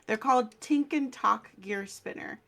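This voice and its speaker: A woman's voice: a little high, a little slow, gravelly, sharp tone. A woman narrating as game master of an online tabletop game, giggly and tripping over made-up names.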